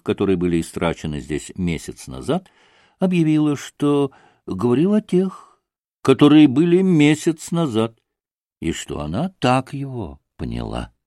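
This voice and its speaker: A man narrating classic fiction in an audiobook with an expressive, varied reading. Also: lowish voice, no echo, clean studio sound.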